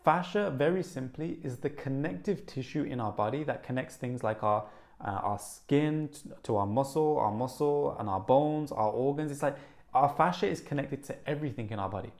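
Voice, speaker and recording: A young man with a quick Brummie accent talks straight to camera as a wellness vlogger. He rushes along with excitement and scatters "like" through his sentences. His voice sits at an ordinary middle pitch. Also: gravelly. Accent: Birmingham (Brummie). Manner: fast, excited, animated, with many "like" fillers. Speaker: wellness YouTuber. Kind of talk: casual vlog talk to camera.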